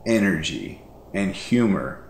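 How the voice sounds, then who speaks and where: A vlogger in his thirties chats casually from his living room couch at night, rambling, repeating himself, and using lots of fillers. His voice is low-pitched with lively intonation and a slow pace. The room sounds echoey, with a little hiss or hum.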